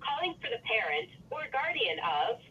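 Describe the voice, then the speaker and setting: A woman's voice: a little high, sing-song, normal speed, sharp tone, slightly rough. A woman speaks as an automated health plan caller, heard over a landline phone. Her message is recorded and formal, and she reads out a phone number. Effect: voicemail message over a landline phone. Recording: distant, dull phone line with faint noise.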